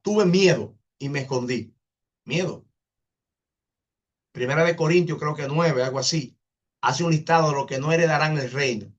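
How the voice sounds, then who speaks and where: Man, casual spiritual teacher, earnest, repeats words as he thinks, mid-pitched voice. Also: a bit bright, dull audio. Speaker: teacher of an online spiritual class. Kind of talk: casual teaching, answering comments.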